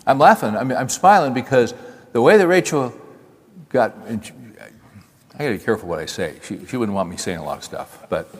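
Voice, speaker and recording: An older man preaching a sermon, folksy and animated, acting out little dialogues and talking straight to his listeners. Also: medium pitch, fairly quick. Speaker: pastor. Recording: long hall reverb.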